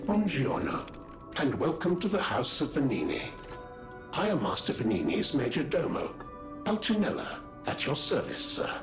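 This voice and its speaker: A man's voice: medium pitch, wildly swooping pitch, normal speed. An actor voicing a polite male puppet butler who serves as a shop's major domo, speaking in formal, courteous phrases. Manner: formal, courteous servant's speech. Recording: roomy game audio with music.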